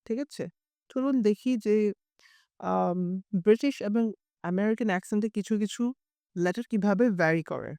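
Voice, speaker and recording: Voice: mid-range voice, moderate pace, creaky, a little mellow, clean tone, dry recording. An IELTS teacher with a Bengali accent gives a bilingual lesson, explaining carefully and repeating example words to demonstrate them.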